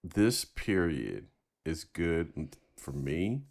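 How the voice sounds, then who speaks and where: A man's voice: very deep voice, big pitch swings, extremely slow, darkish tone. A man co-hosting a casual podcast, making dry, sceptical remarks. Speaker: podcast co-host. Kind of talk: casual chat.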